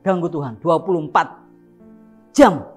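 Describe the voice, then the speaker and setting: A man preaching a lively, joking sermon, playfully acting out shouted prayers. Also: a little high, unhurried, breathy edge, faint music behind. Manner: animated, jokes and laughs, acts out shouted prayers.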